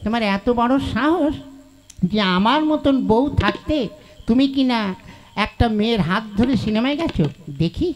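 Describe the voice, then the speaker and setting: A man doing a shrill jealous housewife. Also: moderate pace. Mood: scolding. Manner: shrill scolding. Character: fiery jealous middle-aged housewife and mother. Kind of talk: folk puppet-show voicing. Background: tabla and folk music.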